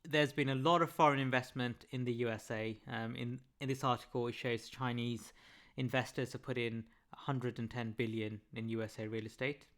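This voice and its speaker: A man presenting a webinar over slides, measured and often pausing with "um". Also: mid-range voice, fairly even intonation, fairly bright tone. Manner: measured, frequent "um" fillers.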